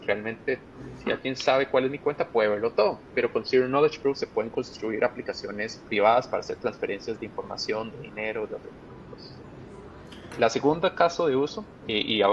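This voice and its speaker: Here a man from Costa Rica, a project manager with a Costa Rican accent, is being interviewed by video call. He explains his ideas step by step and backs them with plain examples. The recording is muffled and has a faint rumble.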